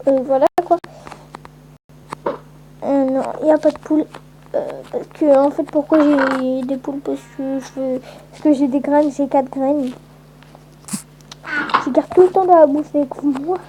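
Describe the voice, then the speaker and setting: A woman's voice: sits high, steady tone, measured pace, pauses often, background noise. A woman giving casual, rambling let's-play commentary with lots of hesitant fillers. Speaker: gameplay commentator.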